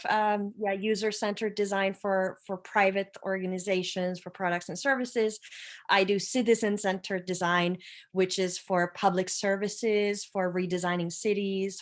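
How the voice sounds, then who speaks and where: A woman from Finland, a guest designer, introducing herself in a friendly way on a video call. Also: medium pitch.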